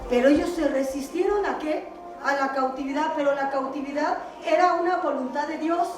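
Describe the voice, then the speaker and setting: A woman's voice: high-pitched, normal speed. A woman preacher telling a Bible story to her congregation in a sermon, often stopping to quiz them with questions. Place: church meeting hall. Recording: echoey hall, distant mic, music behind.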